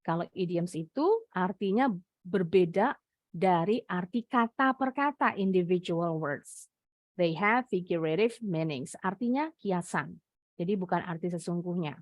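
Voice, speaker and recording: A woman's voice: lowish voice, animated, measured pace, dry recording. A young woman teaching English online with an Indonesian accent, explaining patiently in a mix of Indonesian and English over a video call. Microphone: computer mic on a video call.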